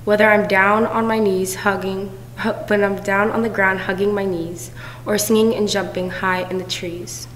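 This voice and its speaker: A young woman reading her poem from the page, soft and earnest. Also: medium pitch, flat delivery, moderate pace, a little hiss or hum. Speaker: poet. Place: community room, indoors. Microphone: stand mic. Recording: echoey room with long reverb.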